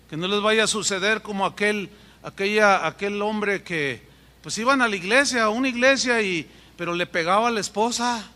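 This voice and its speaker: Emphatic Mexican preacher in an echoing hall. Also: male voice, sits high, pushed and bright. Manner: emphatic, pausing and repeating for effect. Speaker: pastor. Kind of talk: sermon. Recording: long hall reverb.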